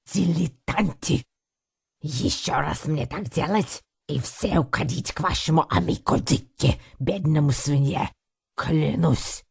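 A woman's voice: deep voice, creaky, a little mellow, breathy edge, voice pushed up, full character voice. A woman voicing a furious, theatrical male circus director with an Italian accent and broken grammar. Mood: raging.

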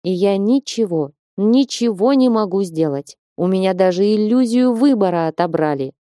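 A woman narrating a first-person fantasy audiobook in a lively, expressive way. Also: medium pitch, normal speed, dry recording, clean studio sound. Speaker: audiobook reader.

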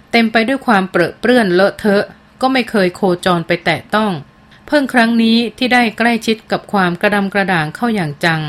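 A woman reading a novel aloud as audiobook narration. Her delivery is measured and steady. Her voice sits at an ordinary middle pitch.

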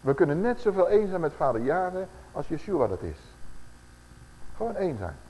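A man preaching a sermon, acting out the voices he quotes and slowing down for scripture. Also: fairly high pitch, big pitch swings, warm tone, in a large hall, a little hiss or hum, rough recording.

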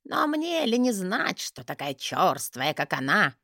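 Grumbling theatrical mage, low creaky voice, lively swoops, as a woman narrator puts him on. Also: measured pace, no room sound, studio quality, full character voice. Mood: theatrical whiny. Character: fussy theatrical male mage, whiny.

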